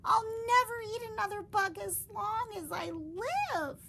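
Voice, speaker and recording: A woman voicing a shy, earnest young female fruit bat in a high childlike voice. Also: lively intonation, slow pace, fairly bright tone, a little hiss or hum, heavily acted. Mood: excited.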